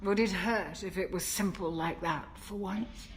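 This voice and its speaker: An actress playing a calm, wry older female military ship's doctor in a video game, speaking in a gentle, reflective way. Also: medium pitch, slight background noise, lightly acted. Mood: tipsy. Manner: gentle, reflective, measured delivery. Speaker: game character.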